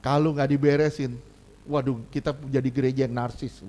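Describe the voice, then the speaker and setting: A male pastor preaching a sermon in a lively, casual way, swinging between loud emphatic bursts and quiet asides. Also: medium pitch, brisk. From Indonesia.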